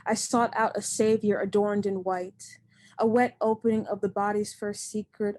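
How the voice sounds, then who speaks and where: Her voice is dark in tone and pitched in the normal middle range as this young woman, the poet and host, reads her work at home on a computer mic. The recitation is measured and unhurried, each line given its full weight. Between pieces she chats casually.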